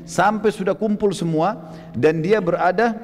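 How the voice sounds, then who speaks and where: Male preacher, fairly high voice, animated storyteller, long hall reverb. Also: unhurried. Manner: animated storytelling, acts out shouts in quoted lines. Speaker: Islamic preacher. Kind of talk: storytelling sermon.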